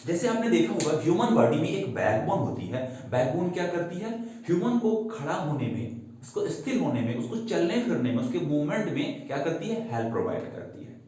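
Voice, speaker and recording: A man gives a grammar lesson in a lively, swinging voice with a mellow, dark tone, posing questions and answering them himself while drawing out key words slowly. The recording is strongly echoey, with his voice sitting some distance from the mic. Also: on the high side. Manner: mixes English terms into Hindi explanation. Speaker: English grammar teacher. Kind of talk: classroom-style video lesson. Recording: echoey room, voice away from the mic.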